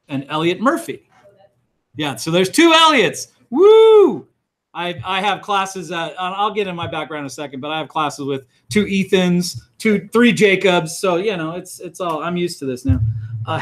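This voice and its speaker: Taking roll call in a college classroom, this middle-aged male instructor sounds a bit bright, his voice sitting high and moving at a normal speed. He lectures casually, with plenty of fillers and false starts.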